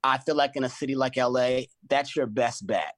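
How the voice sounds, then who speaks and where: A middle-aged man in casual conversation, an animated storyteller who acts out his own quoted lines. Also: medium pitch, moderate pace, no echo. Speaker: choreographer and podcast guest.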